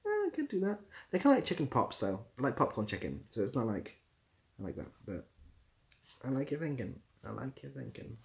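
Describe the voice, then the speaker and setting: Quick-paced and creaky, this young British streamer's medium-pitched voice swings broadly as he talks. He's casually working through viewer comments, drifting a little and joking dryly.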